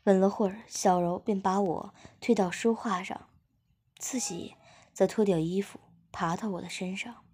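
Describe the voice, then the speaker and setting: A woman narrating an erotic story in a soft, intimate reading voice that often drops into a whisper. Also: mid-range voice, steady tone, a little slow, slightly rough.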